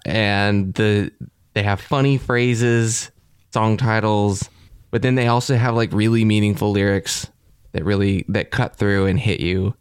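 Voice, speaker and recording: A man co-hosting a podcast who talks with enthusiasm, often pausing to search for his words. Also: lowish voice, steady tone, clear, resonant tone, no room sound, studio quality. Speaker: podcast co-host. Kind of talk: casual chat.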